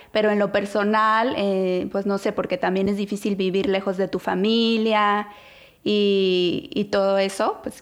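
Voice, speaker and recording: A woman with a Mexican accent, co-hosting an interview and asking questions in a casual, encouraging way. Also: medium pitch. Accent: Mexican Spanish. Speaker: podcast co-host.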